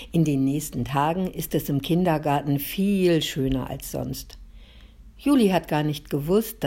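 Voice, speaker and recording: A woman reading a children's storybook aloud in a calm, gently expressive way. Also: low voice, husky. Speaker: narrator.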